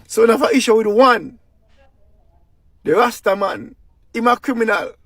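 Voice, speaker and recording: A Jamaican man rants through political commentary in thick patois, firing off rhetorical questions. His voice sits high and carries a gravelly rasp. The sound is dry, with no room echo. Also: normal speed, fairly bright tone.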